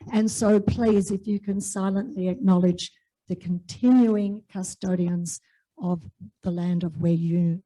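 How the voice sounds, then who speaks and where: Aussie woman hosting an event, mellow voice, dry sound, lots of ums. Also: medium pitch, no room sound, rough recording. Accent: Australian. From Australia. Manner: warm, enthusiastic, with fillers. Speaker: host and executive officer. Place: large room with an audience.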